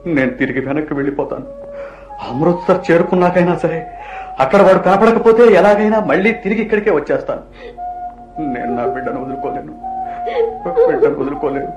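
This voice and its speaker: A man's voice: on the high side, lively intonation, brisk, a little mellow, faint music behind. An actor playing a distraught father pleading over his lost little son in a radio play. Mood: desperate. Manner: pleading, distraught, voice rising in panic. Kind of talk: radio drama acting. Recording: echoey, dull lo-fi radio drama recording.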